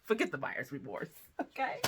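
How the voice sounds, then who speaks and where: A middle-aged woman from the American Midwest, chatting excitedly to camera as a sewing vlogger, gushing and quick with asides. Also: deep voice, noisy background. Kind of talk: casual chat to camera.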